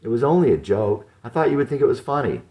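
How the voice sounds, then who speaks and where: A man's voice: medium pitch, sing-song, fast talker, warm tone, voice pushed up, natural voice. A man voicing a lovesick young man who pleads with anxious, raised questions. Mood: pleading.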